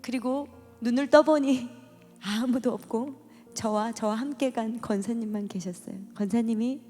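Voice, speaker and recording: Woman, high pitch, emotional church testimony, dramatic storyteller, reverberant hall with soft music under. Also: moderate pace. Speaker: testimony speaker.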